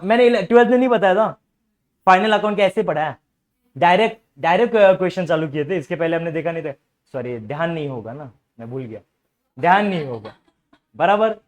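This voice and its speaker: Man, high voice, commerce lecture, quizzing and repeating, coaxing tone. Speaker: commerce teacher. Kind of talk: classroom lecture.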